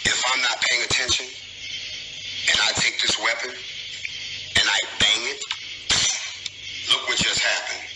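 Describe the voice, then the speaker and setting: A man's voice: mid-range voice, little pitch movement, slow pace, pauses often, loud music behind the voice, low-quality recording. A man giving an informal weapons demonstration, instructing in an emphatic, repetitive way. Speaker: militia speaker demonstrating a weapon.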